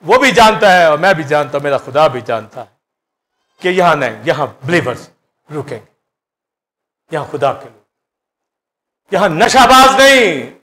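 A middle-aged pastor with a Pakistani Urdu accent preaches a sermon into a handheld mic in a church hall. His fairly high voice swings between loud bursts and hushed asides.

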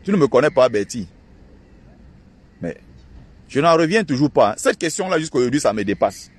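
With big pitch swings and a breathy edge, a channel host and online activist rants to his followers from beside a lake in a park. Recording on his phone, he keeps up an indignant, mocking monologue, his pitch changing fast.

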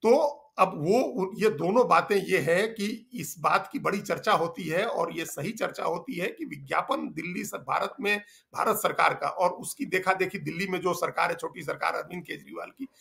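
A man's voice: sits high, moderate pace, vocal fry, few pauses, a bit bright. A man, a political journalist, explaining the news emphatically in a discussion and repeating phrases for stress.

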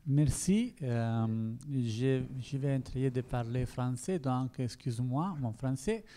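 A man presents at a round table in French with a marked Italian accent. His voice is smooth and mellow, and he goes slowly, haltingly repeating short words while he looks for the right one. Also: medium pitch, expressive. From Italy. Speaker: university researcher, panel speaker. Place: stage of an indoor conference hall. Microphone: handheld microphone.

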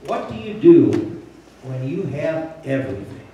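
Woman pastor, relaxed jokey sermon, recorded from a distance in a reverberant sanctuary with faint hum. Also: sits low, measured pace, dull audio. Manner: chatty and joking, asks the congregation questions. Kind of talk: conversational sermon. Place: church sanctuary. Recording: very echoey church, voice off-mic, faint room hum.

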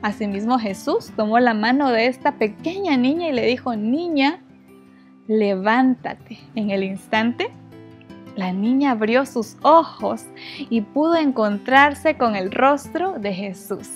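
High-voiced woman telling Bible stories to kids. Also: unhurried, faint music behind. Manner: expressive, gentle, addresses children directly. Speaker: children's Bible storyteller. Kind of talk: storytelling to children.

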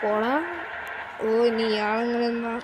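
A woman's voice: a little high, steady tone, normal speed. A woman giving chatty, casual commentary while driving a bus in a video game, often crying out at near crashes. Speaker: gaming YouTuber. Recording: clear game vehicle noise under voice. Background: bus engine and traffic game sounds.

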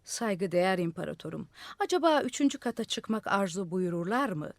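Woman voicing a slow, sly old man, storybook reading, lively pitch, dry sound. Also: vocal fry, no room sound. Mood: courtly flattering. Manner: slow, unhurried, measured. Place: radio studio.

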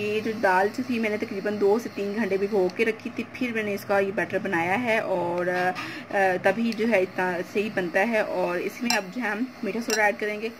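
A woman talks through a home cooking tutorial one step at a time, her voice in a medium register. She pauses often on little fillers as she explains. The recording is noisy, with a clear hiss of home ambience behind her. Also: mid-range voice, fairly bright tone. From Pakistan. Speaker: cooking channel host. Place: home kitchen.

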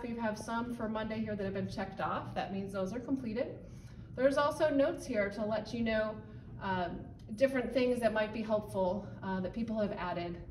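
A woman in her thirties, training volunteers, explains a board in a barn office, pointing as she talks and peppering it with ums. Her voice is a little high and a little mellow. The room has a wood-paneled wall, and the roomy, slightly distant recording carries slight background noise and faint ambience.

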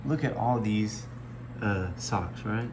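A man's voice: on the low side, slow. Upbeat young man vlogging over noise. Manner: upbeat, joking, eager. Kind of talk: casual vlog narration. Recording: noisy background.

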